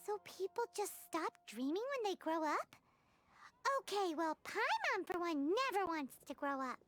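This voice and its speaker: Brief: a bubbly pint-sized fairy girl, very high and bouncy, with game music under her. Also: sing-song, moderate pace, a bit bright, no room sound, exaggerated voice. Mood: curious. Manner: refers to herself in third person, bubbly. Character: tiny floating female fairy companion, chirpy and excitable. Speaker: game companion character. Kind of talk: video game voice acting.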